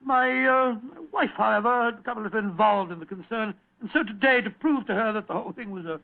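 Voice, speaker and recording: Doctor Watson, high-pitched, creaky, British and blustery. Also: male voice, quick pace. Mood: flustered, smug. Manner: blustery, hesitant, genial. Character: earnest, fussy, loyal married doctor, detective's old friend. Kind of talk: old-time radio drama acting. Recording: narrow, phone-like old radio recording.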